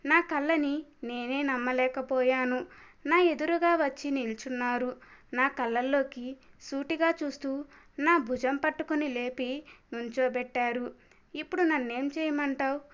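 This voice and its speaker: A woman narrates an emotional first-person story, soft and measured in her delivery. Her voice is high and light. The recording is dull and slightly lo-fi. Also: clean tone.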